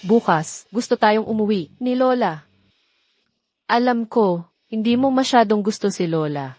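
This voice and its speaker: A woman dubbing a drama, playing a reserved wealthy young wife who speaks earnestly and with measured words. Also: medium pitch, lively intonation, a little mellow. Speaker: dubbing actress. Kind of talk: dubbed drama acting.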